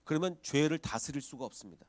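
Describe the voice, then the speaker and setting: A male pastor delivers a sermon in a fairly high voice that rises and falls widely. He acts out quoted voices as he preaches, shifting from loud emphasis to hushed lines. The sound is dry and close. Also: very animated, a little fast, no echo.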